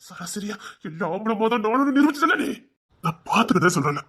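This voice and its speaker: An actor playing a caring father who soothes and coaxes his crying daughter in a TV serial, repeating himself gently. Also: sits high, very animated, fast, breathy edge, exaggerated voice. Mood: soothing. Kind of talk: TV serial drama.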